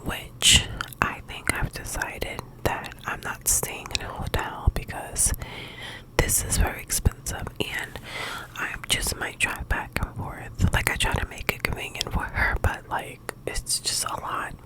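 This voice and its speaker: A woman speaking in a hushed, breathy whisper, quiet as if late at night, rambling casually in halting phrases like a personal ASMR chat. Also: low-quality recording. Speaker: ASMR video host.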